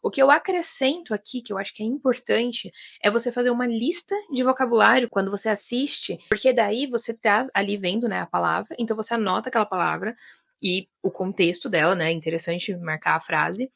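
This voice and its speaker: Brazilian woman, 30s, teacher, mid pitch, slight fry, dry close mic, conversational. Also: a little fast, a bit bright, dry recording. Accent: Brazilian Portuguese. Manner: chatty, many fillers like né and sabe. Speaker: English teacher. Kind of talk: casual video lesson.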